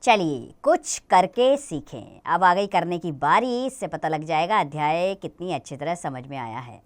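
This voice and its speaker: A woman gives a grammar lesson for young children in a clear, smooth voice. She explains slowly and patiently and keeps turning to the children with questions. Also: on the low side, expressive. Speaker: teacher.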